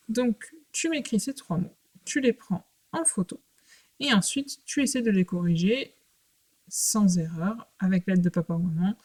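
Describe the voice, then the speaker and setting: Woman, primary school teacher, recorded remote lesson, patient and clear, short phrases with pauses, middling pitch. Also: darkish tone.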